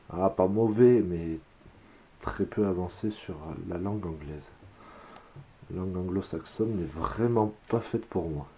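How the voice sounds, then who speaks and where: A man from France calmly explaining a craft step by step, counting his braiding moves aloud as he works. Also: sits low, a little hiss or hum. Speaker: whip-making instructor.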